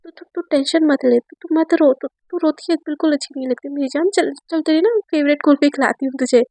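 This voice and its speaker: A woman's voice: high voice, quick pace, dark tone, no room sound. A woman voicing a protective young woman who scolds and comforts her friend in turn. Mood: soothing. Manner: scolding yet soothing. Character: protective young woman Sara, tough and affectionate.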